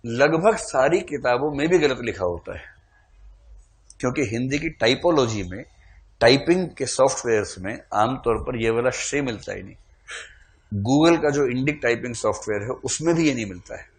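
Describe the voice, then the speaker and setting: A man's voice: mid-range voice, animated, normal speed. Playful male teacher quizzing a class. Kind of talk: classroom lecture. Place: classroom with students.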